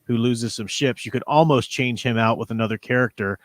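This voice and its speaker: A fairly quick-talking man with a medium-pitched voice co-hosts a casual livestream on books and comics, explaining in a loose, rambling, conversational style. The recording is dry.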